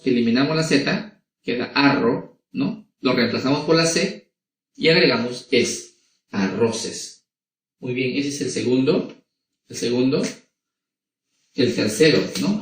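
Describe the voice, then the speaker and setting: A male primary school teacher with a Peruvian Spanish accent, explaining grammar to children slowly and repetitively, often checking in with them. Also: mid-range voice. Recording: echoey room, voice from a distance.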